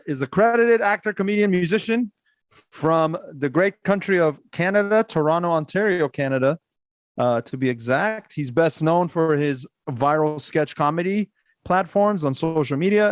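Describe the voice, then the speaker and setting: A man's voice: fairly high pitch, smooth, dry recording, clean studio sound. A young man from Iran hosting a podcast, chatty and upbeat, laughing often in casual talk. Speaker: podcast host.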